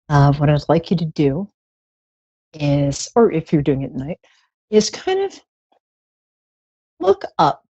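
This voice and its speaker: A woman's voice: low voice, warm tone, no room sound. A woman hosting a live psychic show in a casual, chatty way, with playful, theatrical endearments. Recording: slightly dull, lo-fi stream audio.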